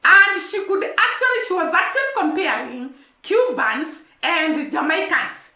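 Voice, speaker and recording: A woman hosting her own commentary channel speaks in a very high voice. Her tone is bright, and her delivery earnest, building her points with repeated linking phrases. The sound is roomy with noticeable echo. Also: expressive, a little slow. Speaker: channel host. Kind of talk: commentary vlog. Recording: echoey room.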